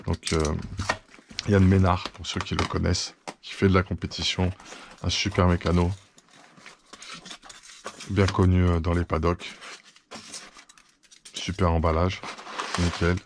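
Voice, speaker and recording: A man's voice: low-pitched, level tone, measured pace, gravelly, long pauses, background noise. A man hosting a hobby channel, chatting through an unboxing, thankful and full of fillers and restarts. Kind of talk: casual unboxing chat.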